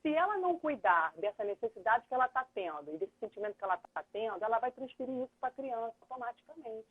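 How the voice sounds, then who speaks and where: Middle-aged woman, earnest lawyer-mediator guest, husky, heard over a phone-like live stream. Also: fairly high pitch, lively intonation, quick pace. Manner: earnest, thinks aloud, acts out dialogue. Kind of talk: explanatory live chat. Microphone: phone or computer on a video call. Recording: tinny phone-like livestream audio.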